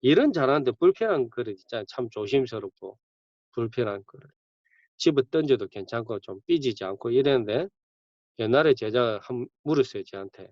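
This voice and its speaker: A man's voice: medium pitch, expressive, fairly quick, no echo. A male campus ministry pastor, preaching conversationally with sudden bursts of emphasis. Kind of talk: sermon. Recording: dull dry lo-fi recording.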